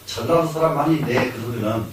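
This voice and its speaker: Older monk lecturing in an echoey hall. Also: male voice, medium pitch, a little fast, background noise. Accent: Jeolla Korean. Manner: explains by repeating lines, asks and answers himself, chuckles. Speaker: Buddhist monk lecturing on classics. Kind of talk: classroom lecture. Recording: echoey hall, mic from far off.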